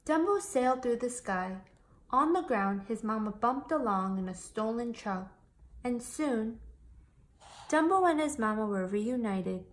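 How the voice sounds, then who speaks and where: A slightly high-pitched woman reads a picture book for children in a vivid storytelling manner, taking it a bit slowly.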